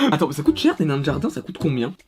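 A young man doing casual reaction commentary, excitable and swearing often, with frequent laughs. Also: on the high side, fast talker, soft background music. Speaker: video creator.

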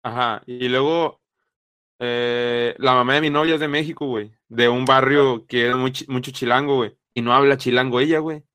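A man's voice: medium pitch, fairly even intonation, moderate pace, pushed and bright, clear, resonant tone, no room sound. Slangy man chatting. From northern Mexico. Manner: slangy, fills talk with "güey". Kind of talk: casual chat.

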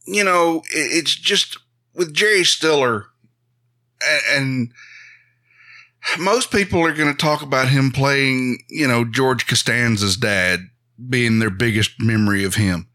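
A man co-hosting a podcast, telling stories in a casual, animated way and laughing along. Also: mid-range voice, a little slow. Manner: animated storytelling, laughs at his own stories. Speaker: podcast co-host. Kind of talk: casual chat.

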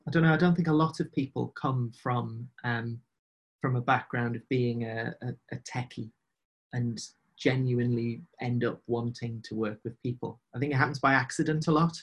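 Husky guy with some gravel, chatting as a podcast guest, halting and thoughtful. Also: medium pitch, fairly even intonation. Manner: hesitant, halting with repeated phrases. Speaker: podcast guest, agile coach. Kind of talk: casual reflective conversation.

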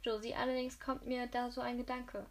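A woman's voice: a little high, level tone, fairly quick, natural voice. A woman voicing an elderly, wealthy widow who speaks in a formal, clipped way. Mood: anxious.

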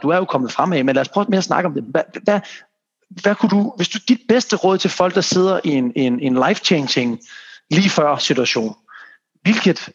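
Husky, gravelly Danish-speaking man. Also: on the high side. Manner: rambling, restarts sentences, mixes in English phrases. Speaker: podcast host and fitness coach. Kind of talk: casual podcast conversation. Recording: dull lo-fi sound.

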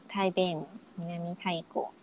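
Thai woman, podcast co-host, patient teacher, casual chat, slow modeled phrases. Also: a little mellow. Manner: explains patiently, models phrases slowly for repetition.

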